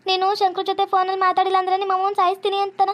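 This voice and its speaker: A woman's voice: very high-pitched, monotone, very fast. A woman with a North Karnataka Kannada accent playing a young village girl who misses her mother and pleads anxiously. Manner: fretful, pleading.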